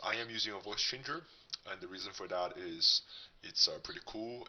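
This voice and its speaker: A man speaks in a disguised, very low voice put through a voice changer, with a sharp, forceful edge and a husky texture. He narrates a coding tutorial casually, thinking aloud as he goes. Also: recorded from a distance, rough recording. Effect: voice changer, disguised deep voice. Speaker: tutorial host.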